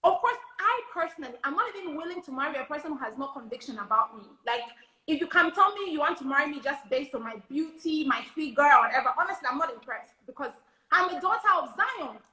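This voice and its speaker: A woman's voice: sits high, animated, fast talker, sharp tone, roomy sound, low-quality recording. A woman speaking as a panelist in a casual live discussion, emphatic and opinionated.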